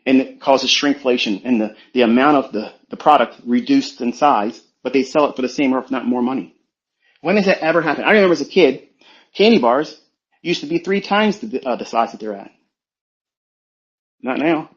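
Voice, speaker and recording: A man's voice: mid-range voice, lively intonation, normal speed, dull audio. A man coaching traders in a blunt, preachy, profane motivational talk on a live audio space. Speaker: trading coach.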